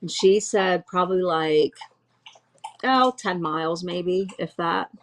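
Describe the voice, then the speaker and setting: A middle-aged woman at home giving an emotional first-hand eyewitness account, halting and restarting as she speaks. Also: lowish voice, a little hiss or hum. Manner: halting, restarts often, voice full of distress. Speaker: eyewitness interviewee. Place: at home, dog nearby.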